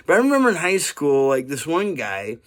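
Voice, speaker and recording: A man in his fifties talking straight into the camera in a loose, rambling monologue. He sounds earnest, and he keeps checking in with "right?" and "you know". His voice sits a little high for a man. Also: huge pitch swings, a little fast, a bit bright. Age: 50s. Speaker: vlogger.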